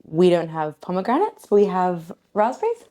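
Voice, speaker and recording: A woman's voice: fairly low pitch, huge pitch swings, moderate pace, dark tone, dull audio. A woman hosting a home cooking video, chatting playfully and joking as she plates a dessert in her kitchen. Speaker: cooking show host. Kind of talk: casual cooking demo chat.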